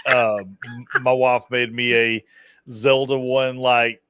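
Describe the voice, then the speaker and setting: Slow-talking laid-back man host. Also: mid-range voice, little pitch movement, noisy background. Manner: laid-back, swears, laughs often. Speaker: streamer hosting the show. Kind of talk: casual chat.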